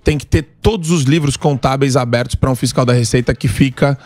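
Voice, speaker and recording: A man's voice: mid-range voice, fairly quick, a little mellow, soft background music. A man explaining politics at length on a casual panel show, in a lecturing way.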